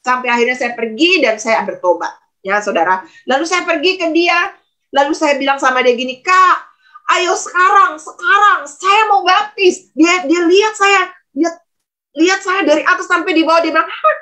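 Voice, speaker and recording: Bright-voiced woman pastor preaching. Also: sits high, fairly quick. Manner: conversational storytelling, often addressing the congregation. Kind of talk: testimony sermon.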